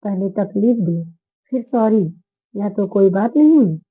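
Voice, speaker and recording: A young wife, hurt and sharp-tongued, throws her husband's words back at him, as a woman storyteller reads her. The voice sits in a middle pitch and comes through narrow and phone-like. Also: lively intonation, measured pace, breathy edge. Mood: reproachful. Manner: reproachful. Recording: phone-like narrow band audio.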